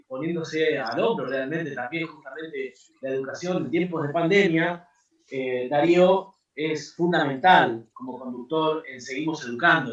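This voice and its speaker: A man moderating an online conference, introducing the next speaker in a friendly, measured way with small tag fillers. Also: a little high. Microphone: video call. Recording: echoey, distant, lo-fi call audio.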